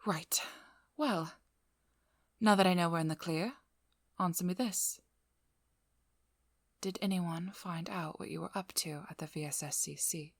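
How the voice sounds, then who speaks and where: An actress performs a scripted ASMR roleplay, speaking directly to the listener as a devious, vigilant female vampire hunter in an intimate audio drama. Her lowish, breathy voice is playfully domineering, teasing and coolly controlling, with a cool, probing mood, moving from flirty to businesslike. The recording is very dry with no echo, and she speaks at a measured pace with long pauses.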